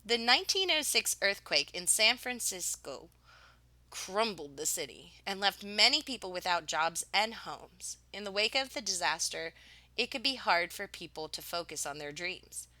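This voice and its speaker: A woman reads a picture book aloud the way a teacher would, using dramatic pauses and stressing key words. Her mid-range voice is expressive, bright and forceful, recorded with no echo.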